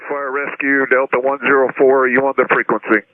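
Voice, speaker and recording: Pilot on a tinny cockpit radio. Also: male voice, mid-range voice, level tone, moderate pace, dry recording. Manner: clipped, urgent radio phrasing. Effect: pilot talking over a cockpit headset radio. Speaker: airline pilot. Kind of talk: radio calls to the tower. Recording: narrow, dry air-band radio recording.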